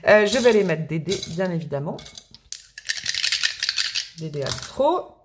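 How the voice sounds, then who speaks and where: A woman's voice: lowish voice, animated, unhurried, very noisy. A woman giving a casual spoken tarot reading, chatty and thinking aloud with many fillers and restarts. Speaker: tarot reader.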